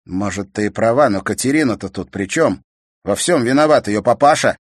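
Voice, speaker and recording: A man's voice: on the low side, animated, brisk, no room sound, studio quality, voice pushed up. A man reading an audiobook and voicing an irritable teenage boy who argues and mocks his sister. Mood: defensive. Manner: irritated, mocking. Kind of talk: audiobook character voice.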